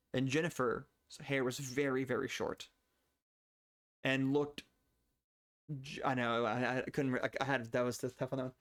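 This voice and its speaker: A young man talks his way through a game as he streams it. He reads in-game letters aloud and rambles, often tripping over words and starting again. His voice sits at a middling pitch. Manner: rambling, self-correcting, stumbles over words. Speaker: gameplay streamer. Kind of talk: casual let's-play commentary and reading game text aloud.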